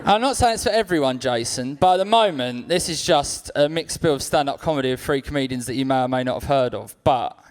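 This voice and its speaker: A man's voice: mid-range voice, lively intonation, fairly quick, few pauses. A man with a South London accent doing live stand-up comedy, chatty and cheeky with the audience in slangy speech.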